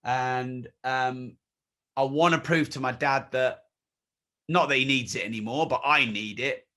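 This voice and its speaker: A man in his forties is a guest in a candid conversational interview, speaking bluntly and emphatically and swearing freely. His voice is medium in pitch, his pace measured, and his tone sharp.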